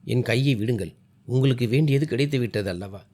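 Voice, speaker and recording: A man's voice: medium pitch, a little fast, a little mellow, voice pushed down, natural voice. A man voicing a hurt young wife who answers her husband with bitter, tearful retorts in a storybook reading.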